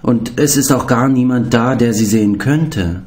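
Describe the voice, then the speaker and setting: A man's voice: medium pitch, moderate pace, a little mellow, voice pushed up, natural voice. A man playing a lonely, wistful horse. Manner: wistful, offhand. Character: lonely proud horse with golden hooves.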